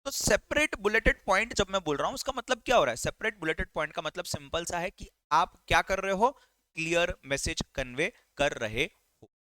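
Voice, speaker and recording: A man's voice: sits high, no echo, rough recording. A male teacher giving a recorded lecture. He talks animatedly and keeps checking that his students follow. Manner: animated, keeps checking understanding with quick questions.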